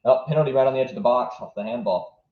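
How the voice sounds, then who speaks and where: A young man from southwest Virginia hosts a livestream, reacting to a match as it happens and rambling casually while he thinks aloud and answers chat. His voice sits at a medium pitch and moves quickly. The room sounds dull and echoey.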